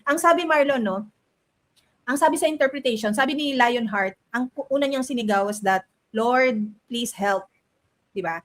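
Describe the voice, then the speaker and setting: A woman's voice: high voice, a little fast. A woman co-hosting a political commentary show, chatty, reading viewer comments aloud. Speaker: co-host.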